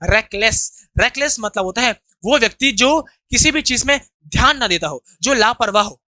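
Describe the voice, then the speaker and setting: A man's voice: very high-pitched, expressive, moderate pace, bright, forceful tone, dry recording. A man from India teaching English vocabulary in an online lesson, explaining each word and asking students to repeat after him, with an Indian accent.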